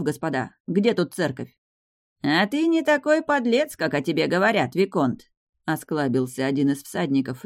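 An audiobook narrator reads a first-person fantasy tale in a steady, gently ironic manner. The voice sits at a middle pitch. The recording is close and dry, with no room sound. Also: no room sound.

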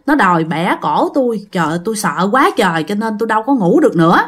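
A woman voicing a frightened older male hospital patient who speaks quietly and shakily in a ghost story. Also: mid-range voice, sing-song, fast talker, husky.

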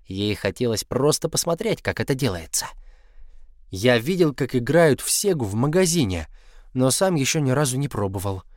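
A man narrating a first-person story in an expressive, scripted reading, slowing down to linger on key words. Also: medium pitch, no echo, clean studio sound. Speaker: audiobook narrator.

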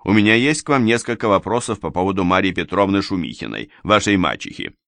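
A stern provincial investigator presses his accusations with firm, controlled insistence, played by a man. His voice is very low and the sound is dry and close. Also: lively intonation, quick pace, gravelly, fairly bright tone, no echo, full character voice. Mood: accusing.

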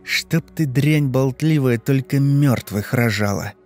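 A man's voice: medium pitch, slow, a little mellow, soft background music. A man voicing a cold, scheming woman who speaks in curt, clipped lines. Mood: hissing.

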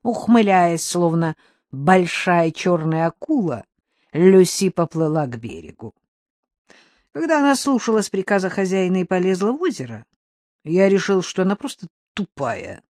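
Audiobook narrator, animated, expressive, dry close recording. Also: medium pitch, moderate pace, dry recording. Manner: lively, expressive reading.

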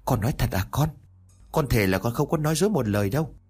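A man's voice: medium pitch, expressive, quick pace, darkish tone, breathy edge, faint music behind. A man voicing a distraught old mother who cries and pleads over her dead husband in a ghost story. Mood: wailing grief. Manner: crying, pleading.

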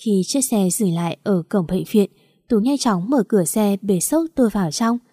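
A woman's voice: mid-range voice, expressive, moderate pace, dark tone, no room sound, clean studio sound. A woman narrating a dramatic first-person audio story with emotional delivery.

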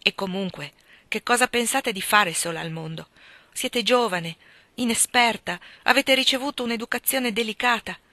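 Woman reading an ardent gentleman suitor. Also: fairly high pitch, moderate pace, dry recording. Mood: impassioned. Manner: impassioned, insistent, rising to loud outbursts. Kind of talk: audiobook reading.

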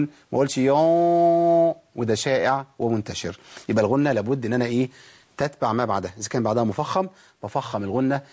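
A middle-aged man with an Egyptian Arabic accent teaching a recitation lesson, asking himself quick questions and then chanting slow, drawn-out examples. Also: medium pitch, a little mellow, husky. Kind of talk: Egyptian colloquial tajweed lesson.

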